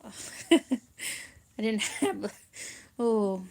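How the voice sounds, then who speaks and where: A woman's voice: medium pitch, lively intonation, drawn-out words, gravelly, darkish tone. A young woman chatting casually to her viewers, telling childhood stories with frequent giggles and filler words. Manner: giggly, laughs often while telling stories. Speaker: vlogger. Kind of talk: casual storytelling chat.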